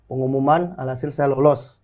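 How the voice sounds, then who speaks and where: In a medium-pitched, slightly mellow voice at normal speed and with fairly even intonation, a young Balinese man in his twenties answers an interview. He's a soldier and pencak silat athlete, earnest in manner, and often addresses the host politely as "Kak."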